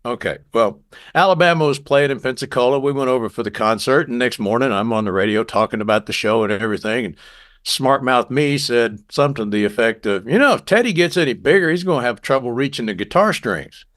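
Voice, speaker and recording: A man from Texas, United States, co-hosts a podcast and tells anecdotes in a casual, joking style reminiscent of a former radio presenter. He speaks fast at medium pitch, animated and acting out quoted dialogue. The sound is clean studio quality with no room sound.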